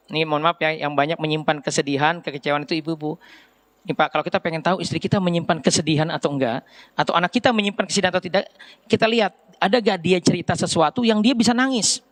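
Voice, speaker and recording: High-voiced male preacher, lively. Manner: lively, asks the audience questions. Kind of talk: sermon.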